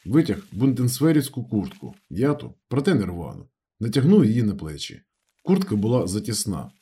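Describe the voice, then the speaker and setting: Audiobook narrator, male, steady first-person storytelling, husky tone, animated pitch. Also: normal speed. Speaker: audiobook reader. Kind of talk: scripted novel narration.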